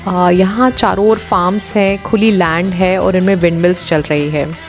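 A woman's voice: fairly low pitch, steady tone, moderate pace, faint music behind. Chatty Indian woman travel vlogger. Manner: chatty, explaining as she goes, frequent fillers. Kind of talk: casual travel vlog narration.

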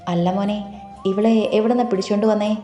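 A woman's voice: mid-range voice, steady tone, fast, mellow, reverberant, faint music behind, lightly acted. A woman voicing a scornful, greedy middle-aged uncle who insults his niece, in an audio story. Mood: sly. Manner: sneering, insulting.

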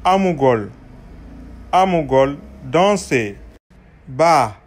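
A man with a Guinean French accent giving a recorded lesson, speaking slowly and deliberately and repeating each sound twice. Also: on the high side, animated. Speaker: language teacher.

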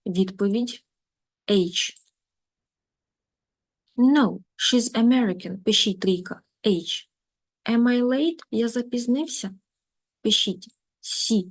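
A woman's voice: a little high, takes it slowly, pauses often. A middle-aged woman teacher giving an online lesson, reading short English examples and explaining each one in her own language.

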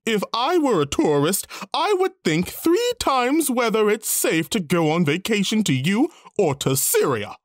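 A performer voicing a proud, boastful Brazil countryball in a cartoon, teasing with a lively, swooping delivery. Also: medium pitch, unhurried, few pauses, no echo, clean studio sound. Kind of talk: cartoon voice acting.

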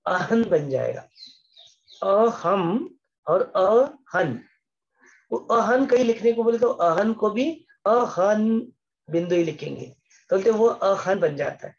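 A man's voice: sits high, a little mellow, dull audio. A man giving an explanatory scripture lesson as a spiritual teacher, patiently repeating words and slipping English phrases into his talk.

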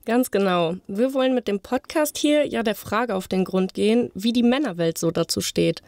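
A young woman co-hosting a student podcast, presenting in a clear, scripted way. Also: mid-range voice, normal speed, darkish tone, no echo, clean studio sound. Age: young adult. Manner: clear, read-from-script delivery. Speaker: podcast co-host, journalism student.

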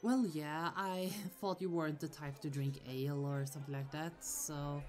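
A woman acts as a sorceress sister in an ASMR fantasy roleplay set to music: protective, quick to get annoyed, chatty, affectionate yet firm, with a reassuring, confiding mood. Her low, darkish voice keeps fairly even intonation at a moderate pace and stays close to how she normally speaks.

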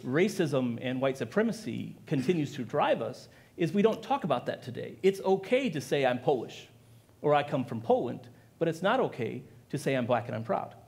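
A middle-aged man speaks on a discussion panel with a gravelly edge to his voice. He talks in an animated way, building his points to an audience. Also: on the high side, moderate pace. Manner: animated, gestures while speaking. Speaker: history professor on a panel. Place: event hall with audience.

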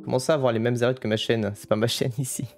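A man's voice: medium pitch, quick pace, faint music behind. Chatty man streaming live. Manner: greets chat by name, chatty and lively. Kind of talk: casual live-stream chat.

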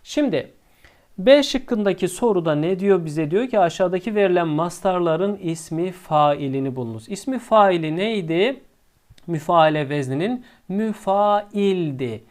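A man teaching at a very unhurried pace, with a crisp, resonant voice. He walks through each step, poses a question and then answers it himself. He stretches the important words out slowly. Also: on the high side. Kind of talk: step-by-step lesson.

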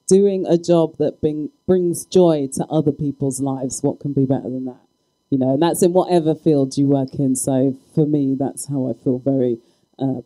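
A woman's voice: very deep voice, dark tone, dry recording, poor audio. A woman speaking as a DJ on a live panel discussion, chatty, often asking "you know what I mean", into a handheld mic. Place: stage at a live panel event.

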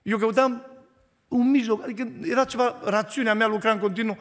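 A man's voice: very high-pitched, steady tone. A Romanian man giving an earnest, emotional testimony sermon in church, building to fervent preaching. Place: church hall. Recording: echoey church hall.

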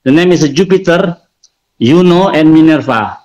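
A man's voice: fairly high pitch, animated, measured pace, darkish tone, lo-fi sound. A man explaining religion informally in a debate, didactic and emphatic, often repeating key phrases.

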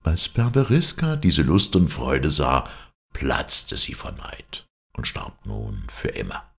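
A man reading a fairy tale aloud, expressive and dramatic. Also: extremely low pitch, takes it slowly, creaky. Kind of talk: storybook narration.

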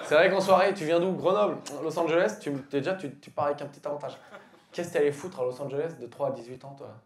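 A man in his thirties doing stand-up crowd work on a comedy club stage with a handheld mic, teasing an audience member with loud punchlines and quick asides. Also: on the high side, roomy sound. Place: comedy club stage, dark curtain backdrop. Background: audience laughing.

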